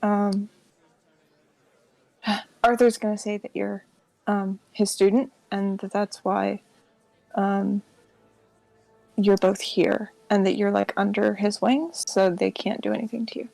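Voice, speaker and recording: A woman voicing an earnest young changeling adventurer in a tabletop game, explaining a plan haltingly with many pauses. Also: mid-range voice, level tone, gravelly, a little mellow, no room sound, soft background music, rough recording. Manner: halting and careful, many ums.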